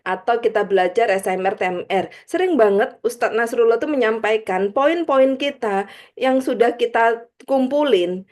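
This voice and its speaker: A woman's voice: fairly high pitch, moderate pace, a little mellow. A woman giving a live spiritual study talk in a chatty way, laughing often and tagging her points with little asides. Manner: chatty, laughs often, frequent "gitu ya" tags; acts out examples in quoted voices. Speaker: spiritual teacher.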